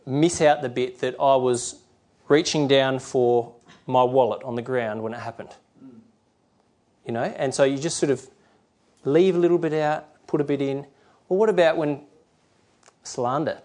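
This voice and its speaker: A middle-aged man delivers a sermon in a rambling, conversational style, frequently restarting and acting out the quotes he uses. His mid-range voice is a little mellow.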